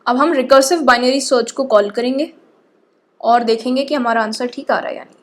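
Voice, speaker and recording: A woman teaching programming, talking through code step by step and often pausing to check in with her students. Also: high-pitched. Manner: explains patiently, often checks in with "ठीक है".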